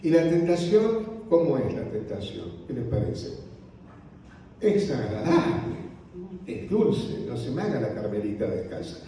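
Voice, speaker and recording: A pastor with a Rioplatense Spanish accent teaches church leaders slowly and softly in a medium-pitched, dark and mellow voice with a sing-song lilt, often ending points with a gentle "¿no?". He is captured from a distance in a large hall with long reverb and slight background noise.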